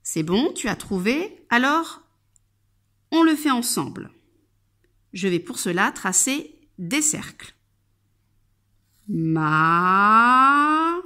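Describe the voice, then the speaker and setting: Slow, patient kindergarten teacher woman. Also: a little high, big pitch swings, fairly bright tone. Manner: slow, clearly articulated, splits words into syllables; addresses the child directly and patiently. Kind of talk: instructional video for young children.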